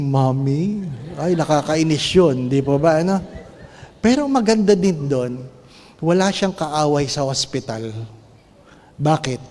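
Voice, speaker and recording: A priest giving a sermon, playful and animated, firing off rhetorical questions to the congregation. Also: male voice, on the high side, in a large hall.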